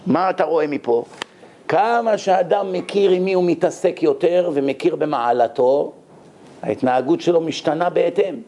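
High-voiced man telling a sermon story. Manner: animated storyteller who acts out the voices of the people in his stories.

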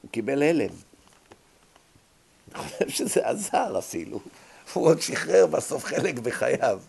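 Rabbi lecturing, lively teaching voice that jumps between characters, fairly high for a man. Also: gravelly, husky. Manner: animated, acts out little scenes in other voices. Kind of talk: Torah lecture. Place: abroad, in America.

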